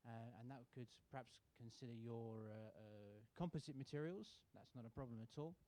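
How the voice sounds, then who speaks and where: Welcoming attendees to a contest in a university auditorium, a relaxed sponsor representative born in Britain speaks in a mellow, mid-range voice. His delivery is halting, full of fillers and restarts.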